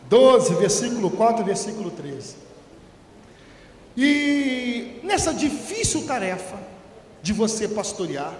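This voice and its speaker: A Brazilian man preaching a lively sermon as pastor, teasing his congregation and acting out conversations. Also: very high-pitched, slight background noise. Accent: Brazilian Portuguese. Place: church hall. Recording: echoey church hall with long reverb.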